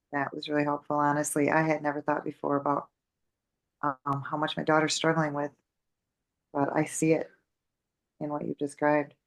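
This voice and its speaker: Creaky-voiced mother asking eagerly. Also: low-pitched, poor audio. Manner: eager, grateful questioning. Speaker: audience member and parent.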